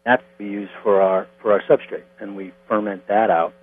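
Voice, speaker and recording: A middle-aged man from Connecticut speaks as a guest distiller, walking through his work step by step in an unhurried, plain way. His voice sits low. It comes over a thin, phone-like line with a steady electrical hum behind it. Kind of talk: phone interview.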